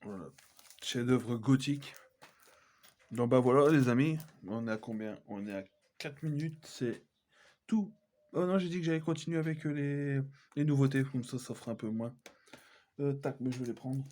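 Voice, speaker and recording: A man's voice: medium pitch, normal speed, darkish tone. A man chatting casually as he shows his film collection, hesitant, with many fillers and self-corrections. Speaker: collector vlogger. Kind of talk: casual unboxing chat.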